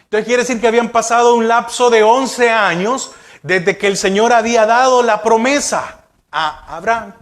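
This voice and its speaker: A man's voice: very high-pitched, moderate pace. A male pastor preaching a sermon, asking the congregation rhetorical questions.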